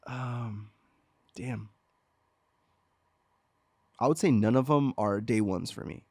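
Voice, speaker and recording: A man's voice: mid-range voice, slow, dark tone, breathy edge, dry recording, studio quality. A man co-hosting a casual gaming podcast, talking in a rambling way with many fillers and restarts. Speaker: podcast co-host. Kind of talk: casual chat.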